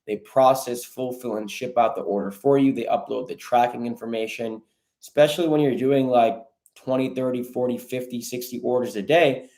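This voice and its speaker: His voice is medium-pitched, steady and mellow, moving at a normal speed. Hosting a livestream, he chats informally with viewers, answers their questions like a coach for online sellers, and calls them "bro" and "guys."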